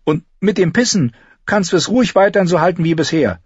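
A fierce, scrappy noble girl who snaps back with sharp, commanding indignation, put on by a male audiobook narrator. She sits far above his usual range, yet a husky grain stays under it. The recording is dry and a little dull. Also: high voice, quick pace, dry recording, voice pushed up. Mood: indignant.

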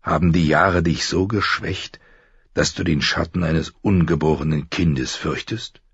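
A man voicing a stern, honorable middle-aged lord in an audiobook, speaking with measured, cool firmness. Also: a bass voice, fairly even intonation, gravelly, slightly rough, dry recording, muffled recording, full character voice. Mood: cold reproach.

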